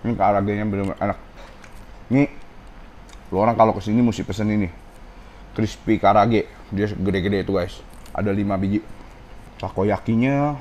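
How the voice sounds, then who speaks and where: In a muffled recording with slight background noise, a male food vlogger with a lowish, dark voice samples ramen at a restaurant. His throat sounds a little sore as he chats casually, tasting while he talks and repeatedly addressing viewers as "guys."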